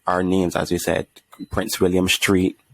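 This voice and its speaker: Low, gravelly Barbadian man chatting. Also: completely flat delivery, unhurried. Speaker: podcast speaker. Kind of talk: casual conversational discussion.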